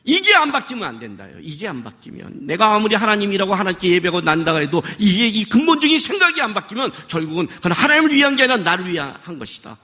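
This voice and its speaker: A man's voice: sits high, big pitch swings, quick pace, few pauses, pushed and bright. A man preaching as a pastor, scolding and firing off rhetorical questions. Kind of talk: sermon. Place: worship service.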